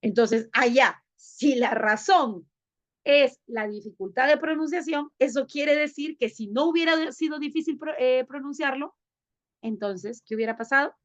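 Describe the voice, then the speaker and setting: A woman leads an online class, coaxing and affectionate as she keeps asking whether everyone has understood. Her voice sits fairly high. The recording sounds dull and lo-fi. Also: measured pace. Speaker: teacher.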